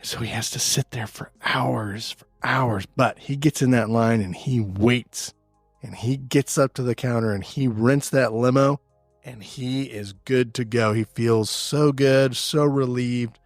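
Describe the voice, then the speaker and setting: A man's voice: mid-range voice, steady tone, a little slow, dry recording, faint music behind. A man telling a story joke on a podcast, patiently explaining things simply as he goes.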